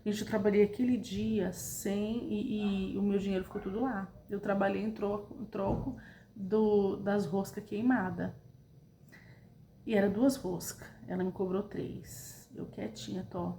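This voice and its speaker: A woman's voice: medium pitch, fairly even intonation, a little slow, dark tone, reverberant, slight background noise. A woman with a Brazilian Portuguese accent telling a personal story in a chatty way, talking straight to her listeners. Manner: chatty, addresses listeners directly, retells quoted dialogue. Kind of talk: casual storytelling.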